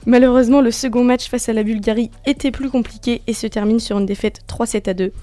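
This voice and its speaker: Female radio sports columnist, fairly high soft-toned voice, dry close studio sound, conversational report. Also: fairly even intonation, fast talker, no echo. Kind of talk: semi-scripted sports report with casual exchanges.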